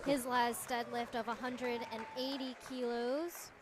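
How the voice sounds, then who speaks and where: A woman's voice: on the high side, little pitch movement, measured pace, very noisy. A woman giving casual live sports commentary in a supportive, encouraging way.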